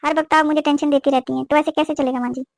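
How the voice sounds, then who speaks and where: A woman's voice: high-pitched, flat delivery, very fast, creaky, no echo, studio quality. A woman voicing a young newlywed daughter-in-law who answers politely but firmly in a cartoon. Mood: pleading. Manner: pleading, polite but firm. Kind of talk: cartoon voice acting.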